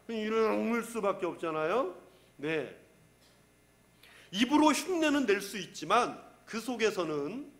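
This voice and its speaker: A middle-aged man preaches a sermon in a high voice that climbs and drops with animated swings. He repeats his key phrases for emphasis and keeps asking the congregation questions. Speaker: pastor.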